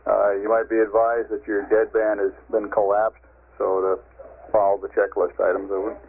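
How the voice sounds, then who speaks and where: Male mission control communicator, astronaut radio style, lowish voice, clipped number readouts, dull archival radio sound. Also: little pitch movement, moderate pace, creaky. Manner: clipped procedural phrasing, reading numbers digit by digit. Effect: space mission radio. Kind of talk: astronaut radio chatter, procedural callouts. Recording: dull, noisy archival radio link with clicks.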